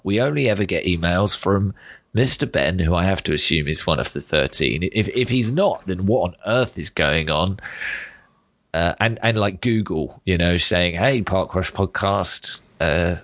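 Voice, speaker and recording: A British man with a croaky, hoarse wintry voice, chatting casually as a podcast host. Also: fairly low pitch, no room sound.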